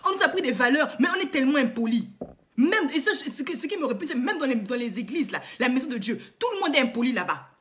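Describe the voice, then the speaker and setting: A woman's voice: sits high, animated, quick pace, fairly bright tone. A woman vlogger and coach lecturing her viewers with indignant, emphatic rhetorical questions and lots of repetition. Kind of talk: impassioned moralizing monologue to viewers.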